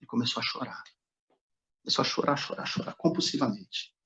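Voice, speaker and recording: A man's voice: mid-range voice, lively intonation, brisk, bright, forceful tone. A man, a pastor, telling a personal testimony story and quoting the dialogue of others in his own voice. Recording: dull lo-fi recording.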